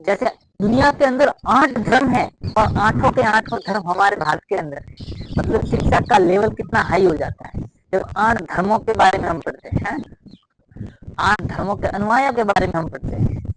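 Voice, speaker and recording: A man's voice: high-pitched, moderate pace, background noise. A man from Rajasthan, teaching a casual classroom lecture at a blackboard and repeating his points with many fillers. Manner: repetitive, explains with many fillers. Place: room with a blackboard.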